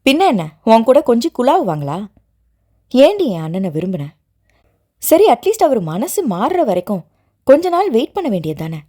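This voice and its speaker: A woman's voice: mid-range voice, very animated, normal speed, mellow. A fiery young college student in an audio novel who snaps and scolds out of loyalty, as a woman reads her part. Her voice jumps about with feeling as she speaks sharply. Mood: furious.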